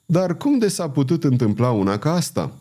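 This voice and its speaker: A man voicing a cool, wry, confident male knight in an audiobook reading, speaking calmly and frankly. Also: a little high, pitched above the performer's own voice.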